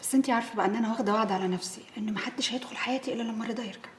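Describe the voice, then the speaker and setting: A woman's voice: on the high side, racing, reverberant, slight background noise, close to an everyday voice. An actress playing an anxious, guarded young woman engineer with an Egyptian accent. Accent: Egyptian Arabic.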